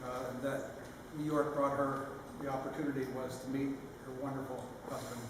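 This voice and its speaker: An older man giving a sentimental, lightly humorous father of the bride speech, halting with pauses mid-phrase. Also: mid-range voice, flat delivery. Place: large reverberant room at a wedding reception. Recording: echoey hall, distant mic, noisy room.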